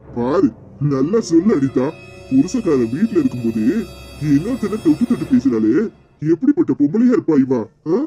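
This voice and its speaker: Casting: a man playing a sly village uncle in a cartoon, husky, dark, lively pitch, Kanyakumari Tamil accent, dull lo-fi sound. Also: normal speed, faint music behind. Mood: accusing. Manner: sly, tattling, self-righteous. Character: scheming middle-aged village uncle, sly accuser. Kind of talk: cartoon comedy voice acting.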